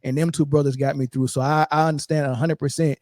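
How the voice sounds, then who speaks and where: A man hosting a sports talk show, animated and repeating words as he builds up his point. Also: on the high side, quick pace, no room sound, clean studio sound. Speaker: host.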